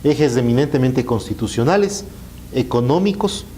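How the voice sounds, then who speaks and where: A man's voice: medium pitch, lively intonation, normal speed, warm tone, a little hiss or hum. A man with an Ecuadorian accent, a politician giving an interview and listing his points emphatically.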